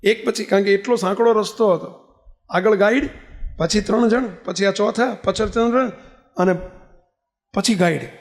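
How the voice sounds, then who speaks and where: A man's voice: high-pitched, normal speed, vocal fry, long pauses. A man giving a storytelling sermon as a spiritual leader, acting out cries and prayers and speaking straight to his listeners. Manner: animated storyteller, acts out cries and prayers, addresses listeners directly.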